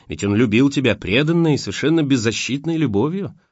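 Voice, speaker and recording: Brief: man playing a taunting ghostly lover, cunning, lively intonation, lo-fi. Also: mid-range voice, a little fast, no echo, natural voice. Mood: mocking. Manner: sly, taunting, mocking. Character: mocking dead young man, sly and cruel. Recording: dull lo-fi dry recording.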